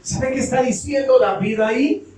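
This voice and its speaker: Man, pastor, fervent sermon, high voice, very echoey church from afar. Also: moderate pace. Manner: impassioned preaching, shouting at peaks. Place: church hall. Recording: very echoey room, distant mic.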